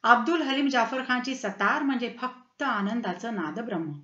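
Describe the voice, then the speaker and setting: A woman's voice: fairly high pitch, normal speed, pushed and bright. Woman doing a gushing, cultured lady. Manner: gushing, chatty. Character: lively cultured woman, fond of music and poetry. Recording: roomy, slightly dull lo-fi.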